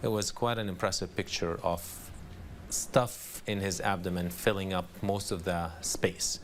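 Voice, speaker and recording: A man with a fairly low voice answers interview questions as a doctor. There is slight noise around his voice. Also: fairly even intonation, a little slow.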